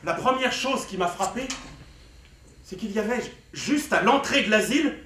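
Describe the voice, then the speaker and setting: A man performing a satirical one-man stage show in a sarcastic, theatrical way, often shouting punchlines. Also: high-pitched, animated, normal speed, roomy sound, distant mic, a little hiss or hum. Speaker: comedian.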